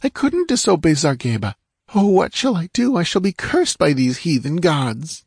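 A man's voice: on the high side, normal speed, darkish tone, breathy edge, no echo, studio quality, pitched above the performer's own voice. A man voicing a frightened young dancing girl, pleading and tearful, in a storybook reading.

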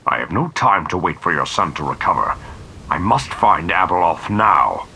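A man voicing a desperate male Sith high lord whose helmet gives his voice a droning sound, often hushed and whispery. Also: sing-song, moderate pace, vocal fry, slight background noise, full character voice. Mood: menacing hush. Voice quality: droning through a helmet voice box. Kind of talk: audiobook character voice.

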